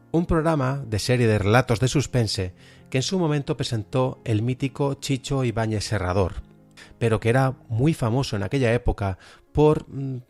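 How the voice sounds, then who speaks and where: A man with a Spanish accent from Spain talks at medium pitch in a darkish tone. He's presenting a semi-scripted, enthusiastic podcast review of radio drama over background music.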